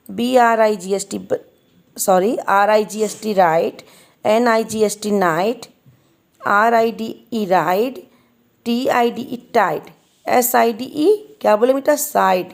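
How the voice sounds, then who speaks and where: Indian woman teacher with slightly gravelly voice. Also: mid-range voice. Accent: Indian English. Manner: spells words letter by letter, calls children "beta". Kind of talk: classroom phonics lesson.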